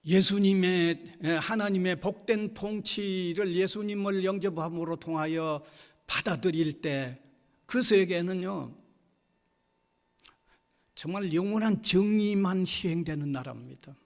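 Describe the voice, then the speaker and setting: A man's voice: high-pitched, unhurried, long reverb tail. A man preaching a sermon as pastor, emphatic and often repeating his key phrases. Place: university church sanctuary.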